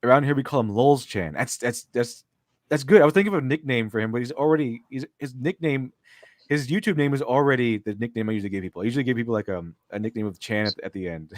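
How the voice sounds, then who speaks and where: A man's voice: medium pitch, fast, dry recording. A man co-hosting a livestream, reading chat and mocking critics in a sarcastic, laughing way, with a dry close sound. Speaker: streamer and co-host.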